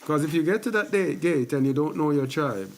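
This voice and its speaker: A man's voice: a little high, animated. A man hosting a religious teaching video, speaking casually and repeating points for emphasis. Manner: slow, conversational, repeats phrases for emphasis. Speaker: host of a faith teaching channel.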